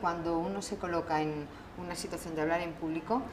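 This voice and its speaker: Low-pitched woman coach, roomy sound. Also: brisk, loud music behind the voice. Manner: calm, instructive, gives step-by-step exercises. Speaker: communication coach. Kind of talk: documentary interview explanation. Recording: roomy interview with faint ambience.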